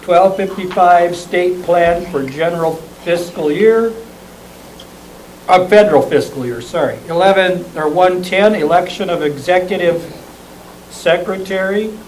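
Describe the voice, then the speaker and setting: A man, a board member, reading a meeting agenda aloud in a plain, steady way, with small asides. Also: sits high, measured pace, slight background noise, low-quality recording.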